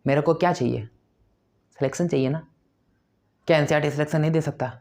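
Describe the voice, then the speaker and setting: A male exam-prep teacher gives motivational study advice, speaking fast in a slightly high, somewhat mellow voice. He's emphatic, repeats his points, and fires off rhetorical questions.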